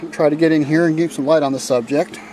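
A man with a fairly high pitch but dark tone talks fast and steadily while demonstrating a how-to inside a motor home. As a DIY video maker, he speaks in a folksy, plainspoken way with fillers and restarts. It was shot on a handheld camcorder, and the recording quality is low.

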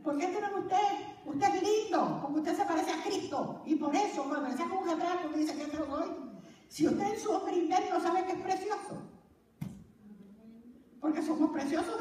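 A woman with a high voice leads a church Bible class, lively and joking, with the ring of a preacher. Her voice comes from a distance in a very echoey church hall, with a faint hiss of noise underneath. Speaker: Bible course teacher.

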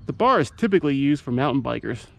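A man's voice: mid-range voice, very animated, fast, gravelly, fairly bright tone, no room sound. A man giving a casual how-to narration as a vlogger showing his gear. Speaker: motovlogger presenting his gear setup.

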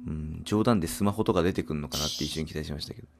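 Over game music, a gamer with a bass, creaky voice races through casual commentary, reacting out loud and quizzing viewers about what's on screen. The recording has a slight hiss or hum.

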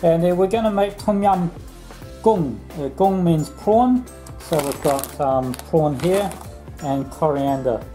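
A man in his thirties from Laos, casually explaining a recipe in his home kitchen, chatty and relaxed, filming himself at arm's length. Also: a little high, slow pace, soft background music, low-quality recording. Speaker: vlog host. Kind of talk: casual cooking vlog.

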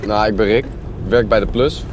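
A man's voice: lowish voice, brisk, noisy background. A young man, a dating show participant, chatting casually outdoors in short, laid-back answers. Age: young adult. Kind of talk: casual chat. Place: outdoors on streets. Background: music.

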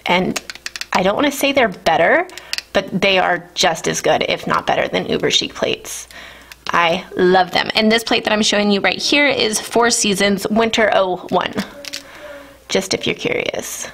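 A woman in her thirties gushing through a casual product review at home, excited and chatty. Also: mid-range voice, moderate pace, gravelly. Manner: gushing, enthusiastic. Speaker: nail art vlogger. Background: children.

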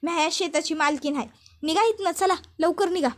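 Brief: feisty rustic farm girl, voiced by a woman storyteller, high, loud, blunt. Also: brisk. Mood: defiant scolding. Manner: blunt rustic village speech, scolding. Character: feisty young village woman farmer, defiant.

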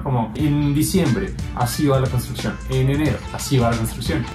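A man, chatting excitedly to a handheld camera in a casual vlog. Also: mid-range voice. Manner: upbeat, excitable, laughs often. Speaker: vlogger. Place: home office, then empty concrete apartment. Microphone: handheld camera at arm's length. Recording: echoey empty rooms with music.

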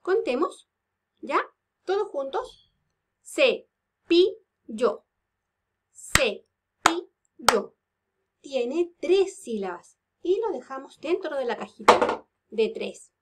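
A woman teaching kindergarteners from home, speaking in a slow sing-song and drawing words out syllable by syllable. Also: high-pitched, very animated, very noisy. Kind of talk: remote lesson for young children.

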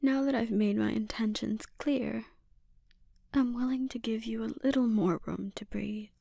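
In a breathy, often whispered ASMR roleplay, a woman plays a menacing, seductive sorceress who is also an obsessive mother, speaking deliberately with quiet, cool threat. Her voice is a little high, and the studio-quality recording has no room sound.

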